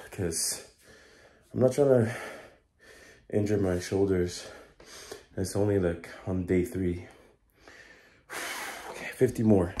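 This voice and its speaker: A young man with a fairly low voice talks casually through his push-up workout. He sounds somewhat winded from the effort, recorded on a phone in a small, echoey bare room. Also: dark tone. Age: young adult. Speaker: fitness challenge vlogger. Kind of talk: casual self-talk vlog. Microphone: phone camera, at arm's length or propped nearby.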